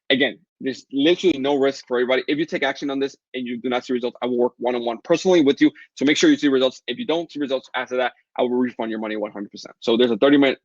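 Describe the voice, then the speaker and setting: A man from the Caribbean with a Latin American Spanish accent, Spanish as his first language, hosting a live webinar Q&A and pitching his course in a fast, upbeat way while answering chat questions. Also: dry recording, dull audio.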